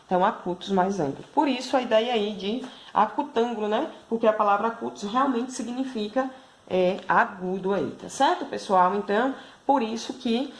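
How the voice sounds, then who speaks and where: A woman with a Brazilian Portuguese accent giving a video math lesson to schoolchildren, explaining patiently and checking in with constant tag questions. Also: a little high. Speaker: primary school math teacher.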